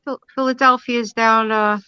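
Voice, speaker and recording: Female, New York City-Jersey accent, clear resonant tone, casual talk, dull close recording. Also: on the high side, fairly even intonation, normal speed, pushed and bright, dry recording. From New Jersey or New York City area, United States. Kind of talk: casual chat.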